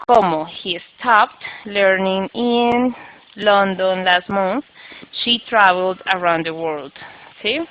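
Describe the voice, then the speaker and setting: A woman with a Colombian Spanish accent teaches English grammar online, explaining things step by step and checking in often with her students. Her voice is mid-range and slow, and the recording sounds muffled.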